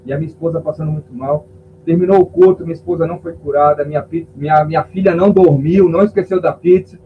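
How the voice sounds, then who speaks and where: A man's voice: a little high, steady tone, fast talker. A male pastor, telling an emotional testimony in a podcast interview and acting out the voices of people in his story. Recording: tinny phone-like sound with faint hum.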